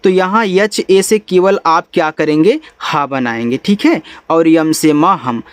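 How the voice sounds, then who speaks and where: A man's voice: fairly high pitch, measured pace, no room sound. A man teaching beginners English spelling, patiently spelling out letters one by one and repeating himself.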